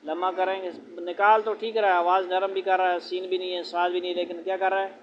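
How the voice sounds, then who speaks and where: A man's voice: high-pitched, flat delivery. A man teaching Quran letter pronunciation, asking rhetorical questions and repeating letter sounds aloud. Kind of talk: classroom lesson on letter pronunciation. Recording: dull lo-fi with faint noise.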